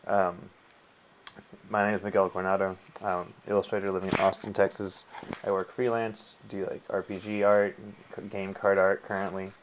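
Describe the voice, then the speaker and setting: A man's voice: deep voice, level tone, moderate pace, rough recording. A man from the United States hosting a live stream in a casual, chatty way. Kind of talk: casual chat. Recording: faint noise on home stream.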